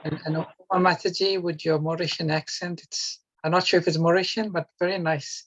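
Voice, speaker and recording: A woman's voice: on the low side, fairly even intonation, fairly quick, husky, dull audio. A woman leading an online scripture class, talking informally and reciting prayers, heard through an online call. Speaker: class leader and teacher.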